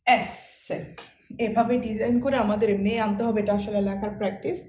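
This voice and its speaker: A woman's voice: medium pitch, fairly even intonation, mellow. Patient woman teaching in an echoey room. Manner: patient, repeats sounds slowly while writing on a board. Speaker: language teacher. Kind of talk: casual classroom explanation. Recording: echoey room with faint noise.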